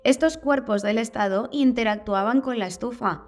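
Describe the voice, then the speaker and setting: A woman's voice: on the high side, moderate pace, darkish tone, faint music behind. A woman with a Spain Spanish accent narrating a video in a casual, curious way, dropping wry asides. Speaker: channel host.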